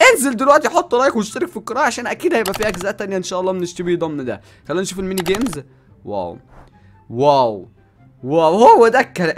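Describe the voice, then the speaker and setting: Excitable Egyptian man doing game commentary. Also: sits high. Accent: Egyptian Arabic. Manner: excitable, shouts and exclaims often. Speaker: gaming YouTuber.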